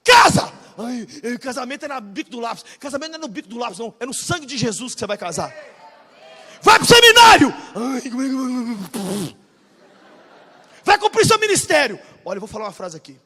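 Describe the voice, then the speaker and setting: A Brazilian pastor in his forties preaching a sermon, swinging from shouted bursts to low, confiding talk. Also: very animated, a little fast. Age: 40s. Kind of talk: energetic sermon. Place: large church hall, live audience. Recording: reverberant church hall.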